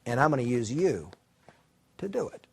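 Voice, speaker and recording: A man's voice: mid-range voice, sing-song, moderate pace, creaky, husky, voice pushed down, full character voice. A man voicing a stern, exasperated divine messenger who gives blunt orders. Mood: impatient. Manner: brusque, commanding, matter-of-fact.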